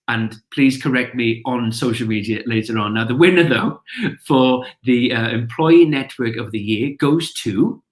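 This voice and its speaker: A man's voice: mid-range voice, reverberant. A man with a Welsh accent hosting an awards ceremony, reading out shortlists and winners with upbeat emphasis. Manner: upbeat, announcing names with emphasis. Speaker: awards host.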